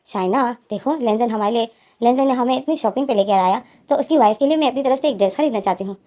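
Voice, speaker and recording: A woman's voice: on the high side, quick pace, dark tone, natural voice. A woman voicing a mischievous, pushy young woman who coaxes and insists. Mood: earnest. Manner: coaxing, insistent.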